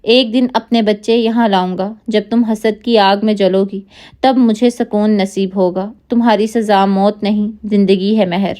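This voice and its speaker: A vengeful, cold-hearted man speaks in a menacing way, read by a woman narrator. The voice stays close to her own, with a mid-range pitch. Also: fairly even intonation, warm tone, close to an everyday voice.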